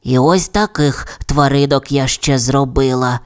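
A woman voicing a patient, crafty young female panda in a children's audio fairy tale, explaining gently. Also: rumbling low, a little slow, clean tone. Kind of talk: storybook character voice.

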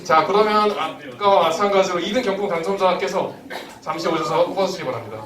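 A high-pitched male prize announcer speaks from a distance in an echoey live venue. He hosts the draw in polite, formal stage language with a playful, joking touch. A loud crowd is heard around him. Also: a little fast. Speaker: host of a prize draw at a band concert. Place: indoor live music venue. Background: loud audience crowd.

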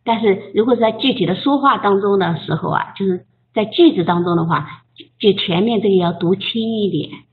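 A woman teaching English pronunciation in an online group lesson, patiently coaching and modeling sounds slowly. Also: medium pitch, a little hiss or hum. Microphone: voice chat. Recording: tinny phone-like line.

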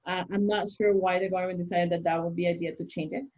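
A young adult woman, an immigration consultant, has a fairly low, slightly mellow voice, a flat delivery and a fast pace. She explains the rules step by step with worked examples while interviewed by video call from a small room. The webcam audio is dull and lo-fi.

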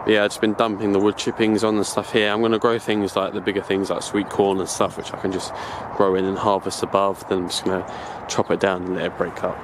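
Deep-voiced and quick, barely pausing, a man gives a chatty, rambling walking tour of his allotment and corrects himself along the way. He's an allotment vlogger filming on a handheld camera outdoors, with steady background noise in the recording.

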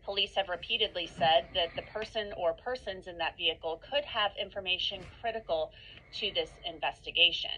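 A woman news reporter delivering a measured, informative broadcast update. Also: on the low side, pushed and bright, a little hiss or hum, poor audio.

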